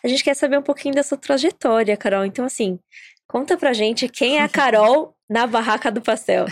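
A woman's voice: on the high side, a little fast, dry recording, clean studio sound. A woman co-hosting a podcast, introducing a guest with enthusiastic exclamations. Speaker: podcast co-host. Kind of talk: casual podcast interview.

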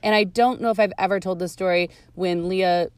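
A woman's voice: on the low side, steady tone, a little fast, clear, resonant tone, dry recording. Teasing woman hosting a podcast. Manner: teasing, playful. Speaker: podcast host. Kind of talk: casual chat.

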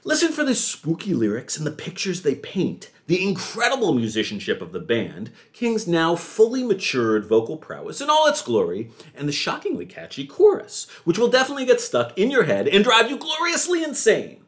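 A man hosting a music podcast, talking with theatrical enthusiasm and jumping into high excited yelps. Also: normal speed, few pauses. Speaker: podcast host.

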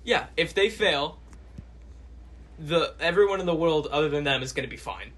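A man's voice: fairly high pitch, expressive, normal speed, fairly bright tone. A man co-hosting a podcast, analyzing a movie in casual chat with lots of "like" fillers. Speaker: podcast co-host.

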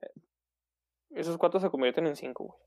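Talking fairly fast in a fairly high, darkish voice, a livestream host chats casually with his viewers, joking around, leaning on slang, and dropping "güey" constantly.

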